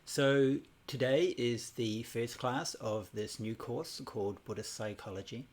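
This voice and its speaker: Teaching Buddhism on a relaxed livestream, a New Zealander in his forties rambles along with many fillers and restarts. He keeps a medium pitch and a measured pace, recorded through a computer or phone.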